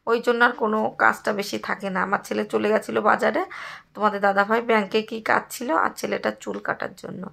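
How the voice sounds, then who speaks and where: A hoarse middle-aged woman from Bengal, chatting to her viewers in a rambling, complaining way while she does housework. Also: medium pitch, fairly bright tone. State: hoarse from a cold. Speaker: vlogger. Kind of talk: casual chat to viewers while doing chores.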